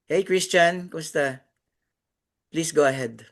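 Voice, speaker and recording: Slow, halting Filipino male moderator. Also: on the high side. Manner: halting, searching for words. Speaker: meeting moderator. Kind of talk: informal hosting of an online forum. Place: online group call.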